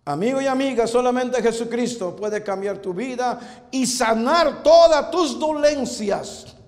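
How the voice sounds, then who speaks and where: Fervent pastor, very high male voice, repeats for emphasis; long hall reverb. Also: a little slow. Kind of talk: sermon. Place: church with congregation present.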